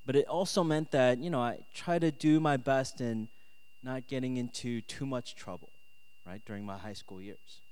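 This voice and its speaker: Born in South Korea and brought to the US at ten, the preacher addresses students with scripture readings and his personal testimony, keeping it conversational with "right?" and "okay?". His medium-pitched voice is darkish and clean at normal speed, and the echoey hall adds long reverb.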